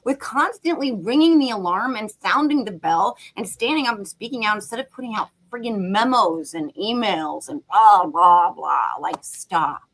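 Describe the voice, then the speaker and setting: Brief: fired-up American woman, bright edge, blunt and profane, caffeinated rant. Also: a little high, normal speed, hardly any pauses, rough recording. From United States. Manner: animated, ranting, blunt with profanity. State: riled up on caffeine. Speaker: podcast co-host. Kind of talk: casual political chat.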